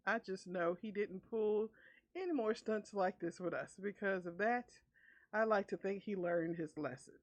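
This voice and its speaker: A woman streamer reading an online story aloud with her own commentary, laughing often between lines. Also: medium pitch. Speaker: VTuber streamer.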